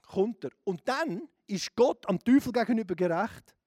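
Swiss German preacher, man, middle-aged, very high voice, fiery delivery that swings from hushed to shouting. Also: animated, normal speed, no echo, clean studio sound. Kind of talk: sermon.

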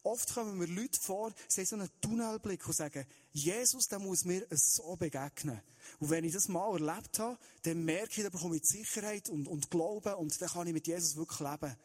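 A man's voice: high voice, brisk, darkish tone. A man, preaching an Easter sermon in an earnest way and speaking straight to his listeners. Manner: earnest, direct address to listeners, shifting pace.

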